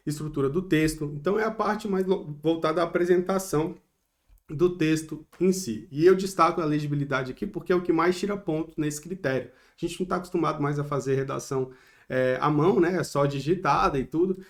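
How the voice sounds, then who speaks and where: A man's voice: fairly high pitch, a little fast. A man with a Brazilian Portuguese accent teaching an online exam-prep lesson, explaining step by step and often checking in with tag questions.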